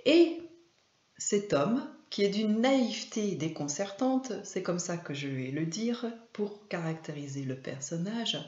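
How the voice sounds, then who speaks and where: A woman hosting a casual video about films, talking hesitantly with frequent fillers and pauses. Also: mid-range voice, lively intonation, darkish tone. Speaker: video host and trainer. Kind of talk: casual film commentary to camera. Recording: echoey room, slightly dull sound.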